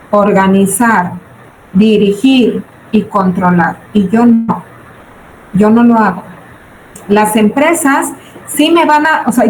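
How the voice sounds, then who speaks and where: This woman's voice is slightly high with a darkish tone. In her forties and Mexican-accented, she teaches business budgeting in an informal, didactic lecture built around questions and answers, recorded in an echoing room with background noise.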